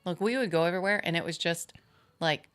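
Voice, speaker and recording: A woman's voice: on the low side, fast talker, smooth. A woman from a small town chatting casually on a podcast about a trip, hesitant and full of restarts. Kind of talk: casual chat.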